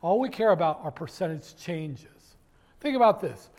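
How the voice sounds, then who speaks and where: A man's voice: on the high side, big pitch swings, normal speed, darkish tone. A man giving a university finance lecture in a classroom, joking and digressing, talking straight to his students and often stopping to restart his sentences. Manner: jokey, digressive, with many fillers and restarts; addresses students directly.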